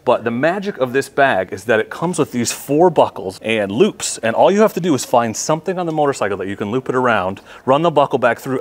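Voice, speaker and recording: A man in his thirties presenting products in a relaxed, friendly walkthrough in a large indoor showroom. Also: mid-range voice. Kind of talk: product demonstration.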